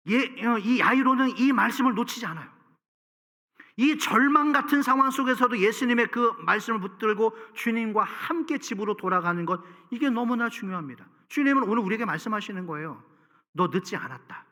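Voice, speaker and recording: A man's voice: extremely high pitch, bright, forceful tone. A man preaching a Sunday sermon as pastor, building to emphatic peaks and putting questions to the congregation. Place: church sanctuary. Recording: reverberant church sanctuary.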